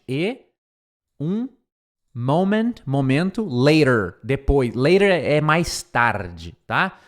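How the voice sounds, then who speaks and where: A man with a Brazilian Portuguese accent teaching an English lesson, explaining in Portuguese and slowly repeating English words to drill pronunciation. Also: a little high.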